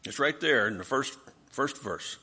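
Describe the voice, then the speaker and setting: A man leads a Bible study with a forceful, bright voice that swings widely in pitch. He teaches in an animated way and keeps throwing questions to the group. There is a husky edge to his tone. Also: a little slow. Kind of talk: interactive Bible class teaching.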